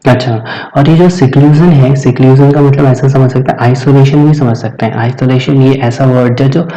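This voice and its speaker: Man, vocabulary teacher, warm dark tone, patient and repetitive. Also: medium pitch, fairly even intonation, moderate pace, lo-fi sound. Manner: explains patiently, repeats questions and answers for students. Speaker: English teacher. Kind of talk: vocabulary lesson.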